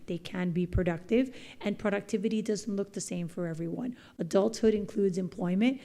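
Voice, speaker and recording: A woman's voice: fairly low pitch, warm tone. A woman giving an earnest, articulate informal presentation as an advocate at a public meeting.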